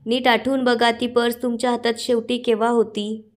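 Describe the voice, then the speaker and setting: A woman reading the lines of Desai, a calm, scheming man, in a recap of a serial episode. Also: a little high, moderate pace, close to an everyday voice.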